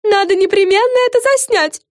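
Woman doing a bossy excitable fairy girl, high and loud, emphatic, lively, storybook. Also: moderate pace, no echo, clean studio sound.

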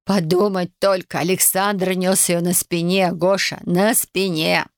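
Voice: mid-range voice, gravelly, bright, forceful tone, no echo, studio quality, heavily acted. A reader voicing a tearful, doting middle-aged mother who laments in an audiobook. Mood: dramatic. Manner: lamenting, slow.

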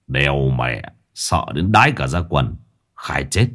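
A man voicing a gruff, blunt older man who swears and talks low in a ghost story. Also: big pitch swings, a little slow, fairly bright tone, heavily acted.

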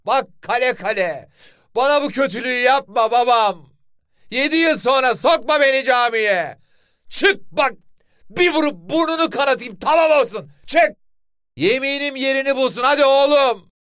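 A man doing a high, sharp-voiced village father. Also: animated, clear, resonant tone, no room sound, studio quality. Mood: pleading. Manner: pleading, blustering, drawn-out calls. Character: rough village father, coaxing and threatening.

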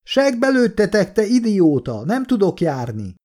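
A man voicing a brash, profane young male soldier who wisecracks and yells in an audiobook. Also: medium pitch, sing-song. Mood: indignant. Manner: profane, shouting, cocky.

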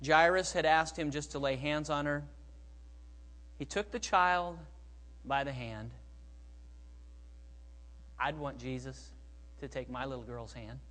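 A middle-aged man preaching a sermon as pastor, moving between quiet, hushed phrases and loud, emphatic bursts. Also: mid-range voice, steady tone, slow, long pauses.

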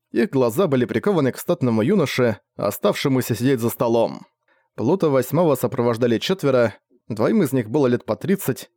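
A male audiobook narrator with a middle-pitched voice. He reads the prose in a steady, measured way, keeping an even tone between the character voices. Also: dry recording, clean studio sound.

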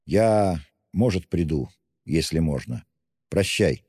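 Brooding feverish young man, slow and grave, deep dark voice, played by a male reader. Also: expressive, husky, no echo, studio quality, big-room sound, full character voice.

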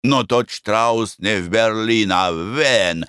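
Man as a porter, slow careful broken speech, slightly low, dry. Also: fairly bright tone, smooth, dry recording. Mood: patient. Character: polite puzzled German museum porter, broken Russian.

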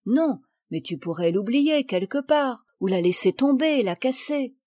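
A woman's voice: on the high side, animated, measured pace, dark tone, no echo, clean studio sound, pitched above the performer's own voice. A woman voicing a sensible little girl who speaks in a cautioning, reasoning way.

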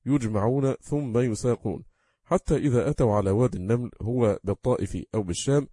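A man reading a classical scripture commentary aloud in careful, measured formal diction. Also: mid-range voice, dark tone, no echo, studio quality. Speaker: reader of Quran commentary.

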